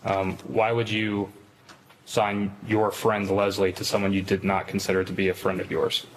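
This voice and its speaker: A man asking pointed, measured questions in a formal deposition. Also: deep voice, level tone, a little hiss or hum, poor audio. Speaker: congressional questioner.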